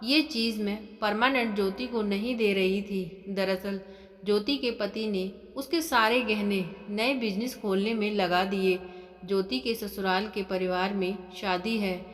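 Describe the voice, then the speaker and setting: A woman's voice: medium pitch, fairly bright tone, big-room sound. A woman voicing a stern, protective older mother-in-law who speaks firmly and scolds, in a storybook reading. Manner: firm, scolding.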